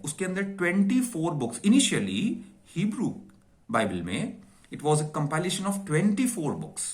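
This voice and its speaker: A man teaching a bilingual lecture, explaining slowly, spelling out words and repeating key terms. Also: a little high. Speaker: English teacher.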